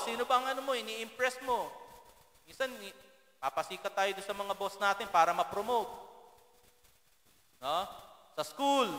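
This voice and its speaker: Filipino man preaching, high and bright voice, chatty sermon full of rhetorical questions, long church-hall echo. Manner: conversational, often asks the congregation rhetorical questions. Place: church sanctuary.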